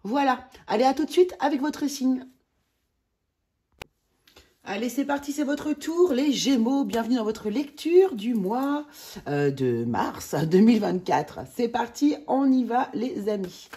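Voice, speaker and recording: A woman from France giving a casual monthly tarot reading, chatty, with many hesitations and excited exclamations over the cards. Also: a little high, measured pace, slightly rough. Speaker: tarot reader.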